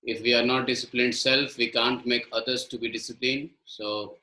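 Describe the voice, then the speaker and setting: A man's voice: medium pitch, little pitch movement, extremely slow, bright, forceful tone, reverberant, rough recording. A middle-aged man with an Indian accent teaching a live online yoga class, switching between Hindi and English and coaching students by name.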